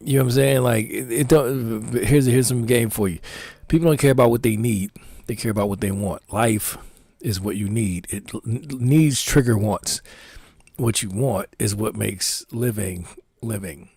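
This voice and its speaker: A man from Philadelphia, United States, chats casually on camera about his clothing designs at a moderate pace, using street slang and saying "you know what I'm saying" constantly in his Philadelphia accent. The mid-range voice is a little mellow and husky, and the recording is dry, with clean studio sound.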